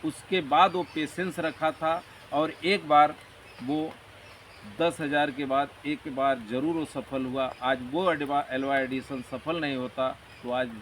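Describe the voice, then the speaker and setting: A man's voice: on the high side, steady tone, a little slow, fairly bright tone. Earnest Hindi-speaking man, distant mic. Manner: earnest, motivational, rambling explanations. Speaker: interview guest. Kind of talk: conversational interview. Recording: distant mic with faint background noise.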